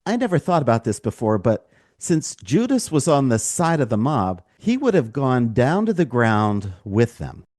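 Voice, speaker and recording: Dark-voiced man reading scripture. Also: mid-range voice, sing-song, moderate pace, no room sound, clean studio sound. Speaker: podcast co-host, scripture reader. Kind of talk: Bible reading and discussion.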